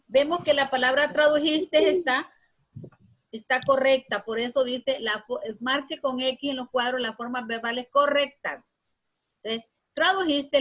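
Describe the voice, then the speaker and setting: Woman teacher, higher voice, patient and repetitive grammar lesson. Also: a bit bright, rough recording. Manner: patient, repeats words slowly for students.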